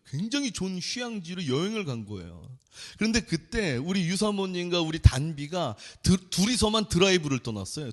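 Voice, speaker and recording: A male preacher delivering an impassioned sermon, his voice sitting high and leaping up and down. He drops soft, then builds to loud as he tells a vivid story to his church. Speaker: junior pastor.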